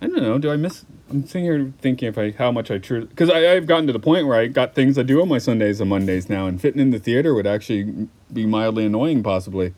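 A man in casual conversation who meanders through his thoughts, laughs easily and drops the odd swear word. His voice sits at an ordinary middle pitch, relaxed and unpolished. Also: fast. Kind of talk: casual chat about a film.

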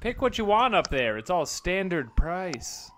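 A man's voice: sits high, very animated, measured pace, a bit bright, slight background noise. An American man co-hosting a podcast with casual, comedic riffing. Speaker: podcast co-host.

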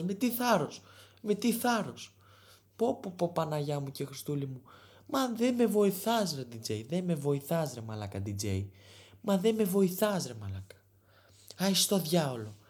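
A woman's voice: medium pitch, a little mellow. A tipsy woman, rambling and swearing her way through an exasperated monologue. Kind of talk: drunken rant monologue.

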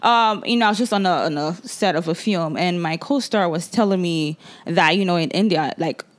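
A woman's voice: on the low side, normal speed. A young woman in casual chat, emphatic and repeating her words for stress. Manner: emphatic, repeats words, often says "listen".

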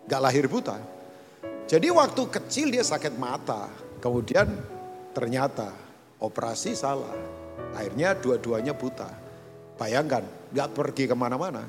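A middle-aged male pastor with a Jakarta Indonesian accent, preaching a joking, lively sermon in a large church hall. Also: measured pace, pauses often. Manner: animated and joking, pitch leaping up for emphasis. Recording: reverberant church hall with soft music.

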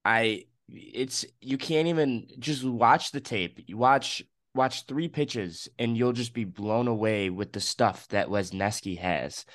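A young man co-hosting a casual sports podcast, excited and opinionated, in his morning voice. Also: medium pitch, slow, few pauses, no room sound, clean studio sound. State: just woken up, morning voice. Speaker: podcast co-host.

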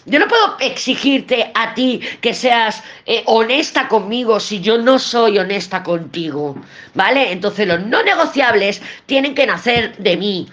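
A woman's voice: on the high side, expressive, a little slow, a bit bright, lo-fi sound. Blunt Spanish woman tarot reader. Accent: Spain. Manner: blunt, emphatic, swears, repeats for emphasis. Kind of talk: weekly tarot reading to camera.

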